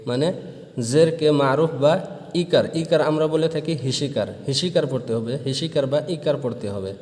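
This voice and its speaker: A man teaching a Quran reading lesson, repeating each rule slowly and drawing out syllables as drills. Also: a little high, darkish tone. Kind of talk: recorded online lesson. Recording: long hall reverb.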